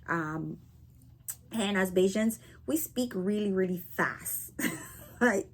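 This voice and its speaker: A woman's voice: mid-range voice, slow. A woman from Barbados with a Barbadian accent, talking casually to camera as a vlogger and checking in often with "right?" and "okay?". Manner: chatty, frequent "right?" and "okay?" tags. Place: living in North America.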